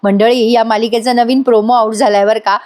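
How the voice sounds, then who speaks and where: A woman's voice: fairly high pitch, steady tone, brisk, a little mellow. Chatty woman recapping a soap. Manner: chatty, playful, retells scenes with acted quotes. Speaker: serial reviewer. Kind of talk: chatty voice-over episode recap.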